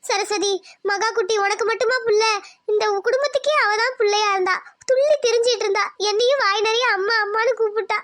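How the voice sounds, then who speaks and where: A caring young daughter-in-law from a cartoon drama, voiced by a woman, gently coaxing her grieving family. The voice is very high and bright. The recording is dry. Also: fairly quick, no echo. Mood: consoling. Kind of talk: Tamil cartoon drama voice acting.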